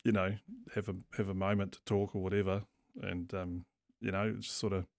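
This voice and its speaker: A man's voice: deep voice, level tone, fairly quick, creaky, dry recording, clean studio sound. A man with a New Zealand accent chatting casually as a podcast guest, in a laid-back, blokey, sweary way. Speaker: craft brewer, podcast guest.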